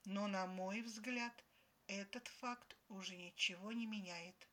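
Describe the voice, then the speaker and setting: A woman's voice: mid-range voice, takes it slowly, fairly bright tone. A woman expressively reading a first-person story aloud. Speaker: story reader.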